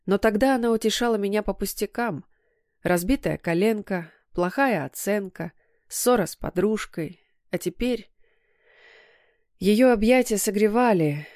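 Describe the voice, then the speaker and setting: A woman narrating an audiobook in the first person with an emotional, expressive reading. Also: medium pitch, normal speed, no echo, clean studio sound.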